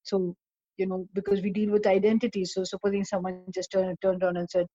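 A woman guest reflecting in conversation, haltingly explaining her ideas through examples. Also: mid-range voice, little pitch movement, dark tone, dry recording, muffled recording. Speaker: discussion guest.

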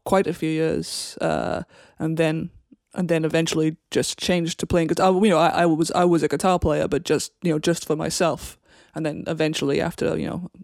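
A woman with a Welsh accent, a musician guest in a casual interview, talking in a relaxed way and patiently explaining things. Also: low-pitched, creaky, dry recording, studio quality. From Wales.

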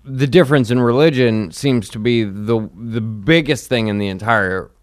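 A man's voice: medium pitch, normal speed, dry recording, clean studio sound. A man co-hosting a podcast who talks casually and rambles a bit, often starting his sentences over. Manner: rambling, hesitant, many restarts. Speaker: podcast co-host.

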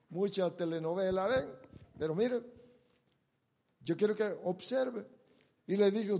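High-voiced with vocal fry, a man delivering a sermon brings a Bible story to life by performing its characters' lines. He alternates dramatically between booming bursts and quiet, drawn-out words.

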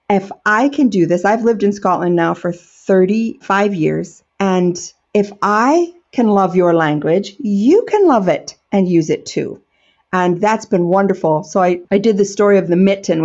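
A woman's voice: mid-range voice, normal speed, darkish tone, muffled recording. A middle-aged American woman, an educator and storyteller, answering interview questions in an earnest, enthusiastic way.

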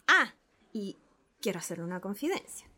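A woman playing a naive middle-aged gentleman who gushes with wonder as he repeats his lessons, in a dramatic reading. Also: mid-range voice, very animated, normal speed, slightly rough, heavily acted. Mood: insistent. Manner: gushing, repeats sounds with wonder. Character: naive middle-aged male social climber, eager. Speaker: reader playing a pupil.

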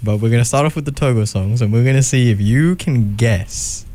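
A man's voice: medium pitch, fairly quick, mellow. A young man from southern Africa hosting a casual radio show. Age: young adult.

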